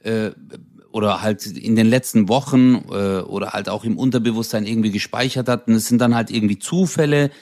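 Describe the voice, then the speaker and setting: A man in casual chat, telling an animated story with lots of slang and acted-out dialogue. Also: on the low side, fairly quick, dry recording, clean studio sound.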